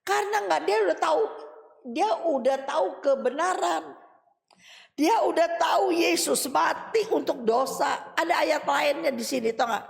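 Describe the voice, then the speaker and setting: A middle-aged woman from Indonesia preaches with a strongly gravelly, somewhat high voice. She speaks in a colloquial, animated way, swinging from loud emphatic lines to soft asides. Her voice carries the long reverb of a hall. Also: moderate pace. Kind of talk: sermon teaching.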